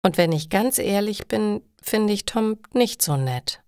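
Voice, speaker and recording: Storybook role: woman reading as a frank, reassuring young friend, slow and clearly spoken, dry close sound. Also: mid-range voice, animated, darkish tone, dry recording, pitched above the performer's own voice. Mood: comforting. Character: caring young woman consoling her heartbroken friend.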